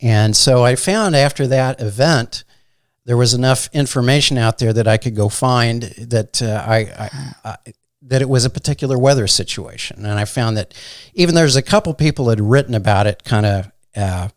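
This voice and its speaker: A man with a Midwestern accent, a meteorologist guest telling stories in a casual, unhurried way with many fillers. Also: medium pitch, no room sound, clean studio sound. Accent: Midwestern American. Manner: soft-spoken, unhurried, fond of fillers. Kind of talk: casual interview storytelling.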